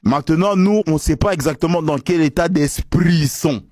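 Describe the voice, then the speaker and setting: A young man chatting casually to his viewers, telling animated stories in street slang. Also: on the high side, normal speed, a loud crowd, very noisy. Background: music playing.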